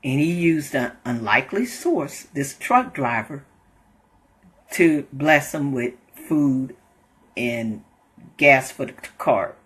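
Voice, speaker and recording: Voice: mid-range voice, animated, slow, a bit bright, husky. A host telling a story in a casual monologue, laughing often and repeating phrases as they go. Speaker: host sharing inspirational thoughts.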